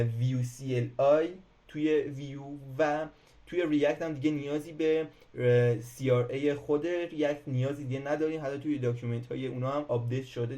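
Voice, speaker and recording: A man's voice: medium pitch, dark tone. A man teaching programming in a casual screen-recorded tutorial, talking hesitantly with many filler sounds and restarts. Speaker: programming instructor.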